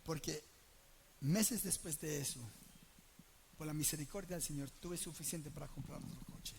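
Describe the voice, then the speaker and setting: A man's voice: a little high, moderate pace, vocal fry, noisy background. A man preaching a sermon at a church gathering, telling a personal story, asking the congregation questions and acting out the dialogue. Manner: animated, asks the congregation questions and acts out dialogue.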